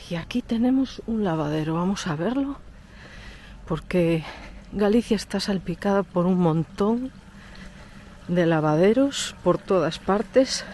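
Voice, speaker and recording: A woman's voice: on the low side, a little mellow, a little hiss or hum. Nasal, congested woman vlogging. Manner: chatty, pointing things out as she walks. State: stuffy cold, congested. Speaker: travel vlogger, host. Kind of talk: casual guided tour. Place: outdoors in a village.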